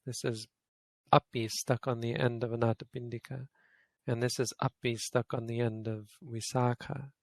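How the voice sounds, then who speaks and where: A man's voice: medium pitch, little pitch movement, moderate pace, a little mellow, no echo. A man, a Buddhist monk, giving an informal grammar lesson to a study group, thinking aloud and correcting himself as he goes. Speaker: Buddhist monk teaching Pali.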